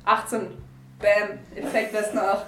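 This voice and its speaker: A woman playing a tabletop role-playing game with friends, playful and excitable, often laughing. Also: mid-range voice, slow pace, reverberant, music in the background. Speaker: player. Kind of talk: tabletop role-play banter.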